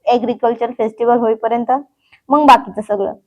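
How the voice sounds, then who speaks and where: A loving young husband teases his new wife in a storybook tale, voiced by a woman reader. The voice sits fairly high. The recording sounds dull and lo-fi. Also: fairly even intonation, fairly quick, natural voice. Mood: teasing. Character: young husband, affectionate and teasing.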